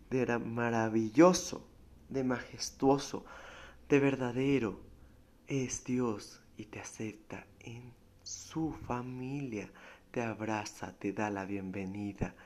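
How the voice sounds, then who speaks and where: A man giving a devotional podcast teaching, earnest and pastoral, speaking straight to the listener and lifting his voice on key words before dropping low. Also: a little mellow. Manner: voice swells on key words, then drops low. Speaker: podcast preacher.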